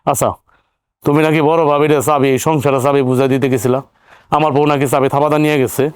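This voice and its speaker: A man's voice: a little high, level tone, fast, clear, resonant tone, no room sound, close to an everyday voice. An actor playing an argumentative young man who questions his family indignantly, speaking. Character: earning younger son, hot-headed and argumentative. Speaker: younger brother-in-law. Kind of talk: TV drama acting.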